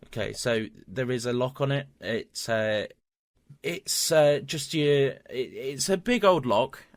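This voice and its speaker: A man running a tabletop game as dungeon master, halting and restarting often. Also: mid-range voice, lively intonation, dry recording, clean studio sound. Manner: halting, with many restarts and fillers.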